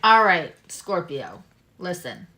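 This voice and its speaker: Her voice sits on the low side, very animated, bright and forceful. She's a live-stream tarot reader doing a casual, meandering session, taking her time and drifting into asides between cards, her speech a bit hampered by a swollen tongue.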